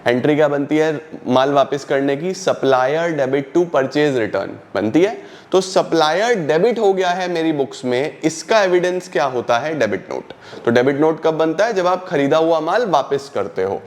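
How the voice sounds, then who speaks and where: A young man teaches an online accountancy class. He explains each point step by step, asking questions and then answering them himself. He reads English definitions slowly and then explains them in Hindi. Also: on the high side, expressive. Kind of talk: online lesson.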